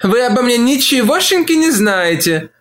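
A man's voice: very high voice, sing-song, moderate pace, a bit bright, voice pushed up, heavily acted. A man putting on a sobbing, grief-stricken woman. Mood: moaning. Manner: moaning, tearful pleading. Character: grief-stricken woman, weeping, fragile and proud. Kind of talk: audiobook reading.

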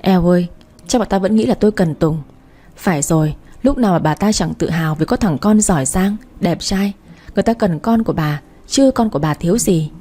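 A woman's voice: on the low side, a little fast, warm tone. A woman narrating a story in the first person, in a sardonic, matter-of-fact manner. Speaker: audiobook narrator.

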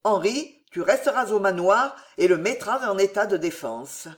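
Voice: mid-range voice, expressive, moderate pace, natural voice. A reader voicing a stern old male army commander who gives orders and thunders with wrath, in an audiobook reading. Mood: commanding. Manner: commanding, thundering when angered.

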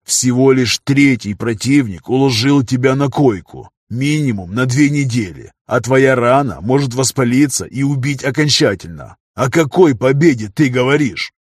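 A man voicing a stern, mocking male master of arena fighters, speaking slowly and seriously in an audiobook. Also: mid-range voice, expressive, no room sound, studio quality, close to an everyday voice. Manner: stern and slow, with a scoffing edge.

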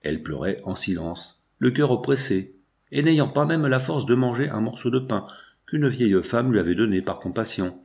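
A man narrates an old novel in a measured and expressive audiobook reading. His voice sits in an ordinary middle pitch for a man. The tone is steady storytelling throughout. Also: vocal fry.

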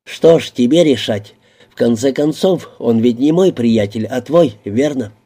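An audiobook reader gives voice to a smug man who pressures others with slow, level, coaxing menace. His tone sits at a middling pitch, very dark and mellow, and the words come unhurried, with a cold mood.

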